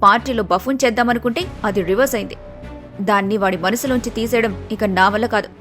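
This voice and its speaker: A woman voicing a scheming, cruel older mother-in-law in an animated story, plotting in a spiteful tone. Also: medium pitch, brisk, soft background music, natural voice.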